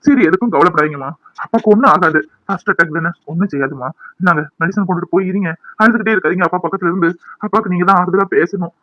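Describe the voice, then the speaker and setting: A man's voice: high voice, racing, no room sound, muffled recording, natural voice. A man voicing a devoted grown son in a cartoon, pleading and reassuring his mother. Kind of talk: cartoon voice acting.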